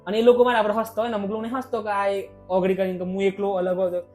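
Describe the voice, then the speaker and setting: Young male guest, rapid-fire and emotional, faint music under the voice. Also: high-pitched. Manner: emotional, animated, talks in rushed bursts. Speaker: podcast guest, vlogger. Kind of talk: casual podcast conversation.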